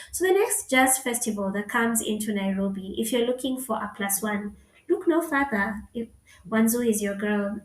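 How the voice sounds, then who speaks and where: A woman's voice: medium pitch, roomy sound. A woman in her thirties with a Kenyan accent, hosting her own podcast in a chatty, playful solo talk with joking asides. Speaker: podcast host. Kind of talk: casual solo podcast chat.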